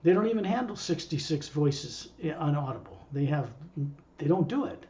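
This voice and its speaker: A man's voice: on the high side, lively intonation, normal speed, mellow, muffled recording. A man who acts as a spiritual teacher, talking casually and digressively to a small group. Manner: rambling, digressive.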